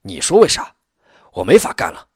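A man voicing a blunt, hot-tempered village head who talks plainly and gets indignant quickly. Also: lowish voice, very animated, a bit bright, husky, no room sound, clean studio sound, full character voice.

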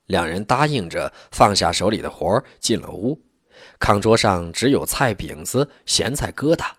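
A man's voice: deep voice, normal speed, breathy edge, no room sound, studio quality. A man narrating a story expressively and acting out all its people. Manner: expressive, acts out every figure.

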